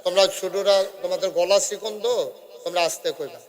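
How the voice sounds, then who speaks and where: High-voiced chanting village preacher. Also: male voice, fairly quick. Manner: sing-song chanting, quizzing the crowd, joking asides. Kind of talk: Bengali waz sermon.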